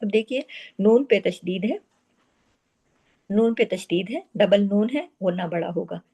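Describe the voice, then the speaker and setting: A woman teaching Quran recitation rules, explaining step by step and then reciting words slowly and drawn out. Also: mid-range voice, lively intonation, mellow, breathy edge. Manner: asks the listener quick questions and answers them herself. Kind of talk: tajweed lesson with slow demonstrated recitation.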